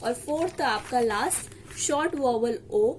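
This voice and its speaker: Slow high-voiced woman teaching shorthand. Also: slight background noise. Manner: slow, patient, repeats example words while writing. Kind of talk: classroom lesson.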